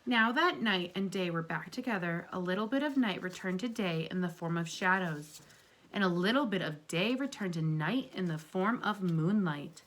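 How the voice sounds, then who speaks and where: A woman reading a picture book aloud to children as a teacher, pausing to put questions to them in an encouraging way. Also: on the low side, lively intonation, a bit bright, a little hiss or hum.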